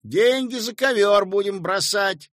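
A man voicing a curt, excitable male writer who brushes off every worry. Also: high-pitched, slow, no room sound, studio quality, voice pushed up. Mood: brash. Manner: curt, dismissive, brash. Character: gruff excitable male writer, loud and boastful.

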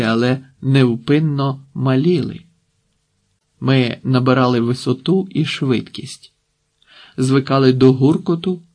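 A man narrates a literary novel at a calm, measured pace. His voice sits at an ordinary middle pitch for a man and carries the story steadily. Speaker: audiobook narrator. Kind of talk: literary audiobook reading.

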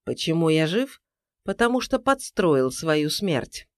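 A narrator playing a calm, confident man who talks down to his captive in an even, mocking tone. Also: fairly high pitch, slow pace, no room sound, clean studio sound. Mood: cold.

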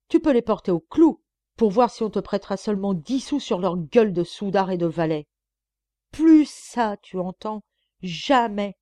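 A woman voicing a rich, scornful wife who screams hoarse insults at her husband in a dry, close recording. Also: fairly low pitch, a little mellow, no room sound, natural voice. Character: shrill furious rich wife, scornful, explosive.

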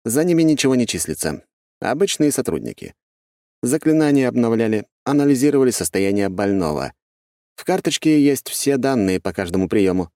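A male audiobook reader voicing a loyal, blunt male investigator with lively, emphatic delivery. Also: mid-range voice, fairly quick, dry recording, studio quality, pitched above the performer's own voice. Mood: businesslike. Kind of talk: audiobook character voice.

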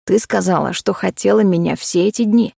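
A woman voicing a blunt, teasing young man in an audiobook, speaking low and unhurried. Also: vocal fry, warm tone, husky, dry recording, clean studio sound. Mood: smug.

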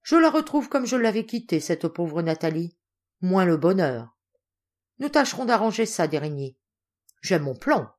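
A woman's voice: lowish voice, sing-song, moderate pace. A woman voicing a boisterous, generous old male Russian general who speaks in commanding exclamations. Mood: exuberant.

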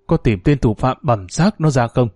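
Man doing a gruff old villager, blunt, scolding, mellow voice. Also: medium pitch, expressive, normal speed, dry recording, studio quality, faint music behind, close to an everyday voice. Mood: stern. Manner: blunt, scolding, rough address.

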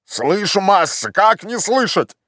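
A man voicing a timid, simple old male servant in an audiobook, calling down slowly and plaintively. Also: sits high, big pitch swings, a bit bright, no echo, clean studio sound, pitched above the performer's own voice, full character voice. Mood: grumbling. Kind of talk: audiobook character voice.

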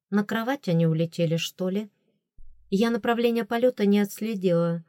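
A woman narrating a first-person audiobook in a measured, lightly ironic storytelling manner. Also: mid-range voice, mellow, dry recording, studio quality.

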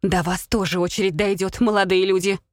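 A woman's voice: mid-range voice, fairly even intonation, fairly quick, dry recording, studio quality, close to an everyday voice. A woman voicing a strict middle-aged mother, a teacher, who scolds sharply in a raised voice. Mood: scolding.

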